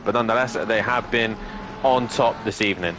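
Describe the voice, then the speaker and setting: Slightly low male motorsport co-commentator over engine noise. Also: a little fast. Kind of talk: live race commentary and analysis.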